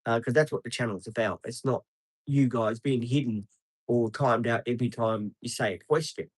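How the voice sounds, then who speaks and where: A chatty man in his fifties rambles through a casual live stream, pausing on frequent ums and answering viewers by name. His voice sits at an ordinary middle pitch and sounds dry and close, with no room echo. He is outdoors beside traffic. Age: 50s.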